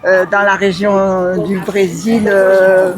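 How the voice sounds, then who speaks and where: A woman's voice: mid-range voice, little pitch movement, slow, crowd noise. A woman answering a street interview thoughtfully, with many hesitations. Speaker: passerby.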